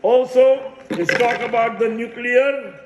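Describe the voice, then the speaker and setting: A man's voice: very high voice, slow pace, echoey room, background noise. A man in his sixties giving a rambling religious monologue as a self-proclaimed messiah, insistent and repeating phrases for emphasis. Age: 60s.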